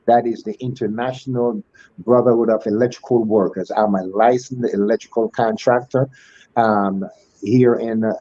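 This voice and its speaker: An older man speaking as a guest over a muffled video call. His voice sits low and mellow. He talks in ornate, churchly phrases, stopping often to restart. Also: dry recording. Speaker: guest speaker, school alumnus. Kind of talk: formal online panel talk.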